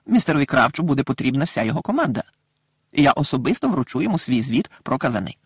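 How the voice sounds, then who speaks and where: A man's voice: mid-range voice, sing-song, fast, slightly rough, no room sound, studio quality. Percy Weasley, a man doing a pompous young clerk. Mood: indignant. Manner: pompous, indignant lecturing. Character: pompous, self-important young wizard official.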